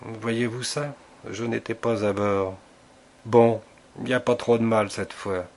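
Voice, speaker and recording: A man's voice: lowish voice, fairly even intonation, a little slow. A man reading the lines of a grumbling sixty-year-old ship captain in an audiobook.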